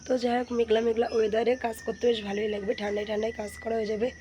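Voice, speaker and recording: A young woman, hoarse from a sore throat, chatting to viewers in a casual home vlog. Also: a little high, level tone, racing, a little hiss or hum. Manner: chatty, addresses viewers warmly as friends. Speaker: vlogger. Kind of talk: casual daily-life vlog narration. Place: home kitchen and courtyard.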